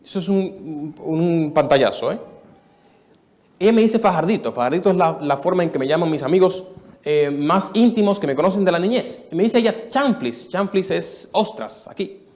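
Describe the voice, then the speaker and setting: A Dominican man in his thirties preaches an animated sermon testimony to a live church gathering at normal speed, his voice a little high. His earnest storytelling moves from soft to emphatic and back.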